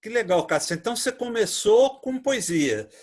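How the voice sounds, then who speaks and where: A man's voice: high voice, animated, normal speed, a little mellow. A man from Brazil hosting the interview, asking short friendly questions. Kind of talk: conversational interview.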